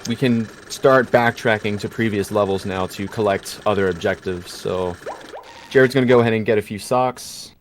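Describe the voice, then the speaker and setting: A man commentating on a live speedrun, explaining the route in a steady, matter-of-fact way. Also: on the low side, moderate pace, a little hiss or hum.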